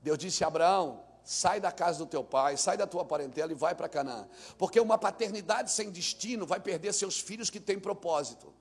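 A male senior pastor preaching a sermon, swinging from calm teaching into shouted, sung cadences. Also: high voice, moderate pace, few pauses, husky.

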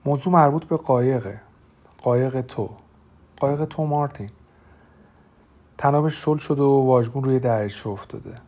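A man voicing a flustered, nervous innkeeper who talks in a hurried, reassuring way. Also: medium pitch, a little mellow, lightly acted. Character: adult male innkeeper, flustered and anxious.

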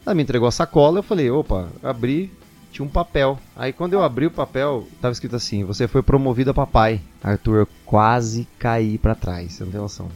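A man's voice: mid-range voice, brisk, faint music behind. A young man, a singer telling a personal story casually and animatedly, acting out what people said. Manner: animated, quotes people in excited voices.

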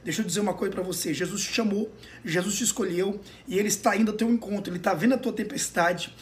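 A man preaching an earnest, reassuring sermon. He repeats his phrases for comfort and pauses on fillers. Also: sits high. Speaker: pastor.

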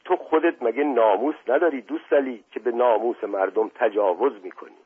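A man voicing a witty, mocking aristocratic gentleman, husky on a phone-like recording. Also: medium pitch, voice pushed up, close to an everyday voice. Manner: mocking, ironic.

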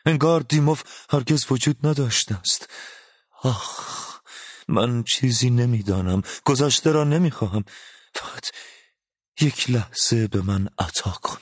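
A man's voice: mid-range voice, no room sound, studio quality, voice pushed up, close to an everyday voice. A man voicing a passionate, lovesick male painter who pleads fervently in an audiobook reading. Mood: impassioned. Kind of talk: audiobook character voice.

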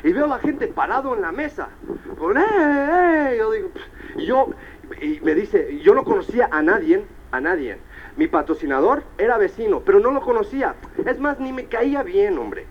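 Animated man on stage, slightly high voice. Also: normal speed, highs cut off, slight background noise. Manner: animated storyteller, peppers Spanish with English tags like "right?" and "all right". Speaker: motivational speaker at a business convention. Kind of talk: live motivational speech to an audience.

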